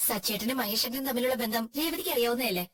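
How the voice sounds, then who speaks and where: A woman dubbing a supportive sister-in-law, talking in a lively, reassuring way. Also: a little high, rapid-fire, breathy edge. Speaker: dub voice actor. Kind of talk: fan dub of a TV serial.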